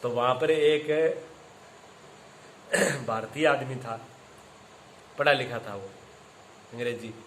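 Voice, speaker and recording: A man's voice: medium pitch, slow pace, pauses often, fairly bright tone, reverberant, slight background noise, rough recording. A man giving a spiritual discourse as a teacher, telling stories with acted quotes and repeating his phrases.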